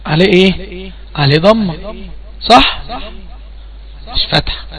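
A man's voice: sits high, lively intonation, takes it slowly, a bit bright. A man with an Egyptian accent teaching Quran recitation rules in an online class, quizzing his student and repeating questions to prompt answers. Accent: Egyptian Arabic.

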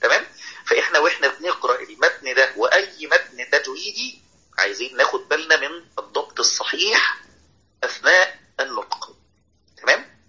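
A man's voice: a little high, expressive, fairly quick, sharp tone, slightly rough, highs cut off. A man with an Egyptian Arabic accent teaching Quran recitation in an online class, explaining verses step by step and often checking that listeners follow.

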